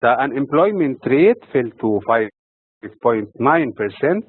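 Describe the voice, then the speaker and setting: A man from Egypt delivering a scripted economic and financial markets commentary in a measured, read-from-notes manner. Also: mid-range voice, sing-song, slightly rough, no echo. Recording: dry, tinny phone-like audio.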